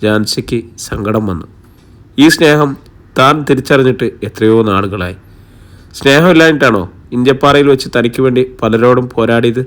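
A man calmly narrating an audiobook as a storyteller. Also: medium pitch, normal speed.

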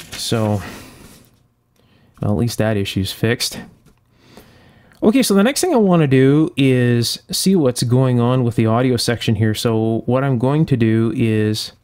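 His medium-pitched voice has a darkish tone, with slight background noise in the recording. He hosts an electronics repair channel and, at an indoor workbench, talks through a repair step by step, thinking aloud methodically and unscripted.

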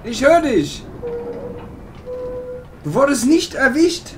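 A man's voice: very high voice, very animated, slow, noisy background. A man with a German accent giving casual commentary while playing a video game. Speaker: let's play gamer.

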